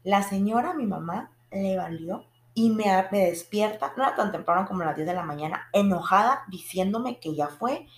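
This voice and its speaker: A young woman, telling a long personal story in a casual, animated and frustrated way. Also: medium pitch, normal speed, hardly any pauses. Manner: animated, frustrated retelling with frequent restarts and acted quotes. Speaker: vlogger. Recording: echoey room.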